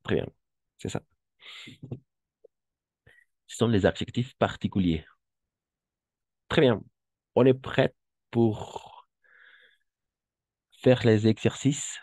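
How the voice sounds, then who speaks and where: Slow, deep-voiced French teacher. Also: male voice, lively intonation, a little mellow, breathy edge, dry recording. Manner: slow, patient, repeats words for drilling. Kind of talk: classroom lesson.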